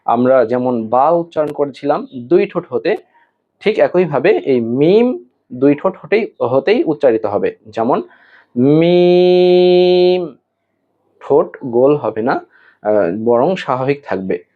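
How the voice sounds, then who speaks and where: A male Quran teacher giving an online lesson, explaining how to pronounce Arabic letters slowly, with pauses and fillers, and drawing out the letters as examples. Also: mid-range voice, very animated. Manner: slow and deliberate, with hesitation fillers, drawn-out model pronunciations. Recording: tinny phone-like audio.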